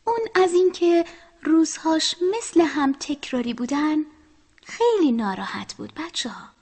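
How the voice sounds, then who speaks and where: A woman telling a children's story, speaking to the children and often dropping to a soft whisper. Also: high voice, very animated.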